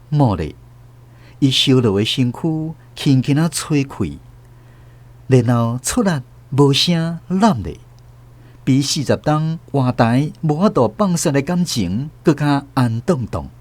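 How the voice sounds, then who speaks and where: A man with a Taiwanese accent and a mid-range voice reads literary narration for a radio drama, telling the story in an expressive way.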